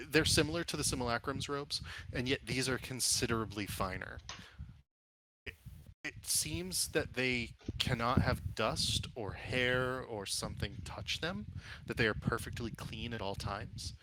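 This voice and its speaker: A man acting as game master, improvising descriptions for a tabletop game in a halting, descriptive way. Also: medium pitch, background noise.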